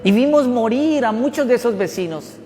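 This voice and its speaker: Middle-aged man, pastor, high-ish voice, dramatic sermon delivery, reverberant church hall. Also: moderate pace, soft background music. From Colombia. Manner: animated storytelling, swings from loud to hushed. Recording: church hall reverb with faint room noise.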